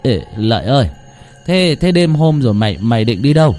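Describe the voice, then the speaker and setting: A man voicing an older village man with a booming, loud voice who stammers when flustered. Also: big pitch swings, a little fast, soft background music, close to an everyday voice. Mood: startled.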